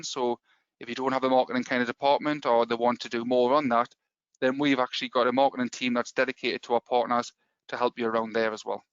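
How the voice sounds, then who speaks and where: A man with a Geordie accent giving a quick, filler-heavy sales presentation on a webinar. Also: mid-range voice, fairly bright tone, clean tone, dry recording, highs cut off. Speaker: software company presenter. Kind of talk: webinar product pitch.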